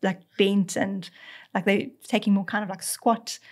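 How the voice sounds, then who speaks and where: A woman of medium pitch speaks flatly at a measured pace. As a veterinarian guest on a podcast, she explains feline behaviour conversationally in a South African accent, slipping into the cat's first-person voice and restarting what she says.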